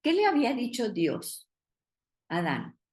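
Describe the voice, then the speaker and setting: A woman's voice: on the high side, huge pitch swings, a little slow, a little mellow. A woman teaching a Bible study, explaining patiently and asking the group questions.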